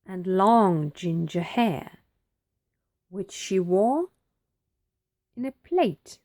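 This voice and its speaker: A woman reading a children's picture book aloud, with expressive, dramatic pauses. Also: medium pitch. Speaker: storybook reader.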